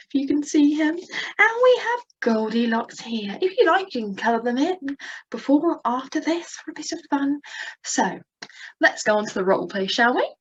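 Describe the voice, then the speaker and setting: A woman's voice: high-pitched, dull audio, a little hiss or hum. A young woman expressively teaching children with puppets, punctuating her talk with gasps. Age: young adult. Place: indoors at a computer, virtual background.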